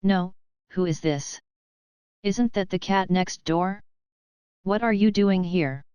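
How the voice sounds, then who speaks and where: A woman's voice: on the low side, slow pace, a little mellow, clear, resonant tone, no room sound. A woman voicing a proud male house cat who talks in a blunt, scolding way. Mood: grumpy. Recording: dull, muffled sound.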